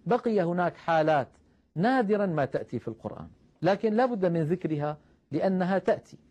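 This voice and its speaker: A man teaching the rules of Quran recitation, explaining patiently, calling his listeners brothers and slowing down to recite example verses. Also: sits high, expressive, a little mellow. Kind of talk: tajweed lesson.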